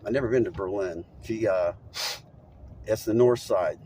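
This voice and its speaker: A man's voice: lowish voice, moderate pace, dark tone, slight background noise. A middle-aged man vlogging as he drives, telling a rambling, chatty story and laughing at it. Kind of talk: casual storytelling monologue while driving. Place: inside a moving vehicle.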